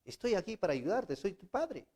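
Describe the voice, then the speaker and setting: A man preaching voices a worried middle-aged father pressing his daughter to talk to him, his voice climbing higher and louder. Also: big pitch swings, a little fast. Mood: gentle concern. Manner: insistent, rising to exasperated exclamations.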